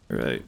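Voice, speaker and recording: A man streaming a video game, giving relaxed, wry commentary and swearing casually. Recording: game music playing underneath.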